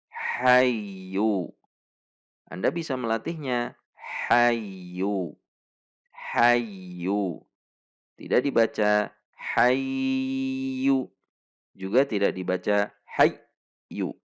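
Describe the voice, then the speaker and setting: In a patient lesson on Quran recitation rules, a man with a gravelly, somewhat low voice pauses to slowly demonstrate each sound and has his listeners repeat it.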